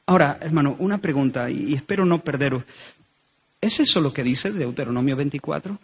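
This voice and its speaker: A man's voice: a little high, animated, brisk, a bit bright, slightly rough. A man with a Spanish accent from Spain, preaching a sermon as a pastor, earnest and emphatic, repeating phrases for stress.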